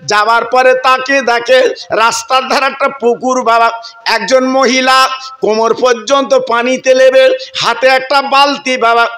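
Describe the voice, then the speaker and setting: A Bengali-accented male preacher tells a saint's story in a rhythmic, sing-song sermon, often breaking off with short rhetorical asides. His voice sits very high and sounds bright and ringing. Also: flat delivery, unhurried.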